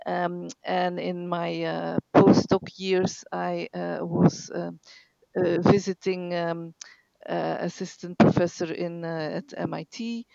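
A middle-aged woman from Belgium who speaks in a flat, monotone voice with a gravelly edge. She answers hesitantly and fills her speech with many pauses and fillers. The recording sounds dull, lo-fi and dry. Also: on the low side, dry recording. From northeast Belgium. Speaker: professor, interview guest. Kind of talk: casual interview answers.

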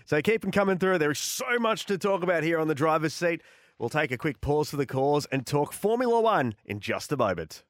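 A man co-hosting a radio show, chatty and quick to laugh. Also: fairly high pitch, big pitch swings. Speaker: radio co-host. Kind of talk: casual radio banter.

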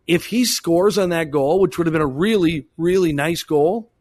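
A man's voice: fairly high pitch, normal speed, darkish tone. A man co-hosting a soccer show, chatting casually and restating phrases for emphasis as he analyses plays. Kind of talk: casual sports chat.

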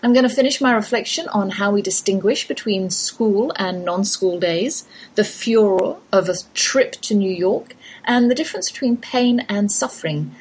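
A woman's voice: medium pitch, a little mellow, husky. A middle-aged English woman hosting a homeschooling podcast, telling homely stories with wry asides. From England. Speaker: podcast host. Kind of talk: scripted podcast monologue.

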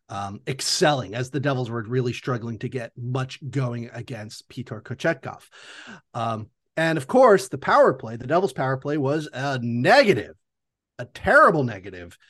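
A man's voice: mid-range voice, very animated, normal speed, fairly bright tone. A man co-hosting a sports podcast with casual analysis, emphatic and repeating words for stress.

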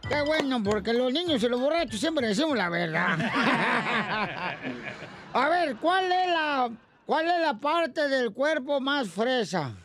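A man's voice: very high voice, big pitch swings, takes it slowly, music in the background, heavily acted. A man voicing Casimiro, a bawdy old rancher who tells jokes on a radio comedy show. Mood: joking.

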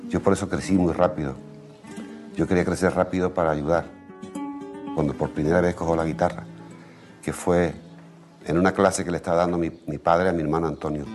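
A flamenco guitarist with an Andalusian accent, telling his childhood memories in an unhurried, reflective way. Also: sits low, steady tone. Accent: Andalusian Spanish. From Andalusia, Spain. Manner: unhurried, acts out family quotes in raised voices. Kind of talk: reflective storytelling interview. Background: flamenco guitar music.

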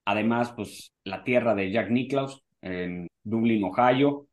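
A man's voice: on the low side, slow pace. A man co-hosting a casual golf podcast, talking in long rambling sentences full of fillers. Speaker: podcast co-host.

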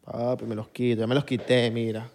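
A man's voice: medium pitch, fairly quick, creaky, in a large hall, a little hiss or hum. A young man with a Venezuelan accent, chatting casually and joking as a podcast co-host. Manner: animated, joking, slangy. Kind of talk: casual chat.

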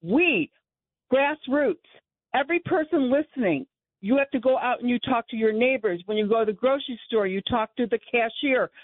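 A woman calling in to talk radio, speaking earnestly and haltingly about politics, often restarting her phrases. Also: a little high, lively intonation, no echo. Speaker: radio call-in guest. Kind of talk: impassioned casual political talk. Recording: thin, narrow phone line.

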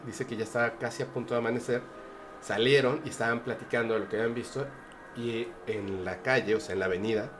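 A man's voice: mid-range voice, a little hiss or hum. A man with a Mexican Spanish accent telling a personal story on a podcast, earnest and hesitant with many fillers and restarts. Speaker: podcast guest. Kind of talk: casual storytelling.

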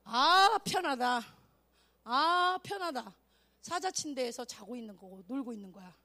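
A woman evangelist preaching at a youth camp, animated and exclamatory, calling out for responses and acting out quotes. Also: sits high, a little slow. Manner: acts out quotes in voices.

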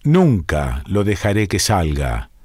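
A man's voice: low voice, big pitch swings, takes it slowly, a little mellow, no room sound, studio quality, voice pushed down, full character voice. A man doing Jack, a sly stubborn tinker. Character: cunning stubborn male tinker, wandering trickster. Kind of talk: storytelling read-aloud.

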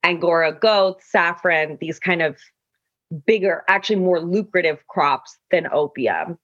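A woman from Afghanistan who also grew up abroad, talking reflectively in an interview in a measured way, searching for her words. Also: lowish voice, fairly bright tone, no room sound, muffled recording. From Afghanistan, also raised in Russia and the US. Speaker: guest artist.

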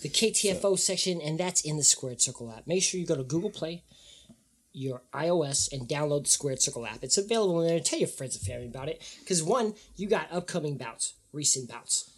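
A man's voice: a little high, animated, husky. A man co-hosting a boxing podcast in casual chat, joking and plugging the show's app. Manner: joking, quick asides, promotes the show's app.

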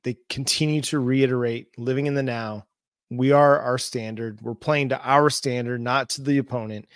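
A man's voice: medium pitch, steady tone, normal speed, dry recording. Dry-sounding man hosting sports talk. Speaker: sports talk show host. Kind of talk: sports analysis commentary.

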